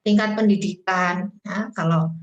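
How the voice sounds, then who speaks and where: A woman's voice: fairly low pitch, steady tone, a little slow, lo-fi sound. A woman giving a webinar lecture over a video call, explaining patiently and often checking in with the listeners as she goes. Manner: explanatory, frequent tag questions and fillers. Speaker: webinar speaker on trauma. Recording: echoey room.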